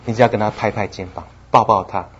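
A man preaching a sermon, telling the story with lively acted-out lines and frequent laughter. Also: fairly low pitch, fast, slightly rough. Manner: lively storytelling, acts out dialogue, laughs often. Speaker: pastor. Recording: slightly dull with faint background noise.

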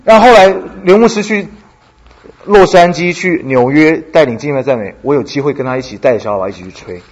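A man giving an animated church testimony, telling stories and slipping English phrases into his talk. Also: fairly high pitch, a little fast. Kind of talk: sermon testimony.

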